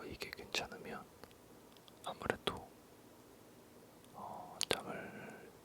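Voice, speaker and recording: Here an ASMR creator, male, whispers at a barely audible level in a breathy low voice, rambling on with halting pauses and soft repetitions of words.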